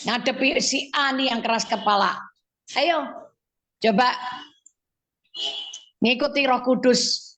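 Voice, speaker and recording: A woman over forty speaking in a radio studio. Her voice sits high and bright. She tells her stories in a homely way and acts out the dialogue. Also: slow pace, pauses often, rough recording. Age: 40s or older. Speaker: guest speaker.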